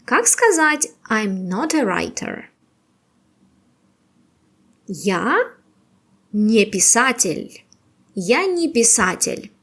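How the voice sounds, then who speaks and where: A woman with a medium-pitched voice runs a beginner language quiz, pronouncing words patiently, slowly and with careful exaggeration.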